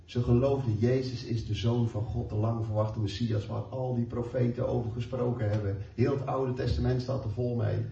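A man preaching a sermon, emphatic, moving between slow stressed phrases and quick asides. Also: medium pitch, fairly even intonation, creaky, warm tone. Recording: echoey, distant, dull room sound.

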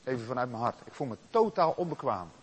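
A man preaching a sermon, slow and solemn, swinging from loud stress to a near-hush. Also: mid-range voice, very animated, slightly rough.

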